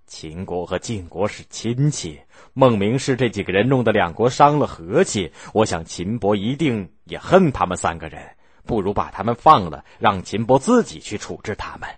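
A man voicing a queen mother who pleads slowly and softly with her stepson. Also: fairly low pitch, lively intonation, husky, dry recording, voice pushed down. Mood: persuasive. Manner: slow, soft, pleading. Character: widowed queen mother, calm and persuasive.

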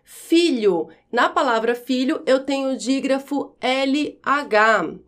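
A woman teacher explaining a grammar lesson, saying each example word slowly and clearly. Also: high voice, fairly bright tone. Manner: slow, clear enunciation of example words.

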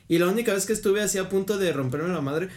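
A man's voice: high voice, fast talker. A young man with a Mexican Spanish accent, telling a rambling, slangy story in a casual podcast chat.

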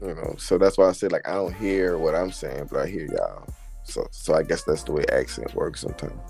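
A man with a New Orleans accent talks in an extremely deep voice. He chats in a laid-back, easygoing way and often repeats himself. Faint music plays behind him. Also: a little fast, vocal fry, darkish tone. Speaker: guest. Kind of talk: casual chat.

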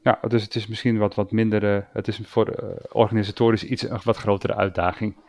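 A man with a Dutch accent co-hosts a casual podcast in a fairly low, slightly mellow voice, brisk but flat in delivery. He sounds hesitant and agreeable, restarting often and using filler sounds, recorded with clean studio quality and no echo.

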